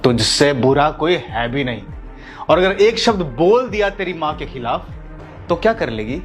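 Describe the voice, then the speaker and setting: A man's voice: a little high, big pitch swings, moderate pace, faint music behind. An actor playing a defiant, angry husband who taunts and insults his mother-in-law. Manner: taunting, shouting.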